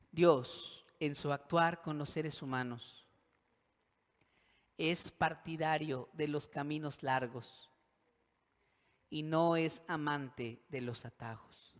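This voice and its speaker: Male pastor, fairly high voice, dramatic sermon delivery with acted-out inner voices, long hall echo. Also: steady tone, slow pace, pauses often. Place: church hall.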